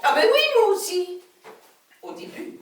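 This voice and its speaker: Actress as a nosy, confiding clinic patient, high and lively voice, echoey stage from far off. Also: female voice, unhurried. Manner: chatty, confiding, knowing. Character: chatty older female clinic patient, gossipy. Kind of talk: live stage comedy acting.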